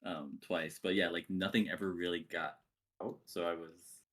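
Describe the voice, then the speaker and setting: A man in voice chat asking about the game, hesitant and halting, full of fillers. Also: sits low, fairly even intonation, a bit bright. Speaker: tournament player. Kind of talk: casual voice chat.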